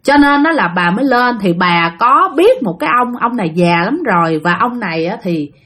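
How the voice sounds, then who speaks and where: A woman's voice: mid-range voice, expressive, moderate pace, fairly bright tone. A woman with a Southern Vietnamese accent telling a ghost story in a chatty way, often turning to speak straight to her listeners. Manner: chatty, addresses listeners directly. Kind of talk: spoken ghost-story narration.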